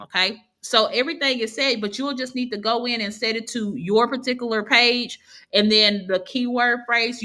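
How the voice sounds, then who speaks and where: Female online instructor with a bright, clear tone. Talks like a casual live class: chatty, quick to laugh, corrects herself as she goes. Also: on the high side. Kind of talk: casual live teaching over screen share.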